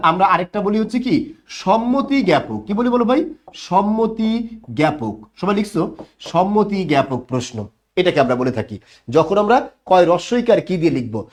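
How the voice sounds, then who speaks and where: A young male teacher runs a live online grammar lesson. His voice sits high and swings widely as he explains. He keeps asking the class to say the answer back to him.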